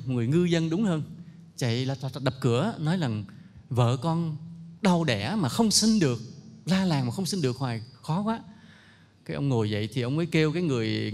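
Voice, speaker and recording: Reflective man, hall reverb. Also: mid-range voice. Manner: unhurried, anecdotal, gently reflective. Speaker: speaker giving a moral talk. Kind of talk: reflective storytelling talk.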